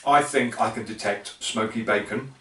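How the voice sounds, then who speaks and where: A man's voice: fairly low pitch, moderate pace, fairly bright tone, slight background noise. A man hosting a casual chat, joking and rambling while tasting snacks. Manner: jokey, rambling banter. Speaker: host. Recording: roomy, from a distance.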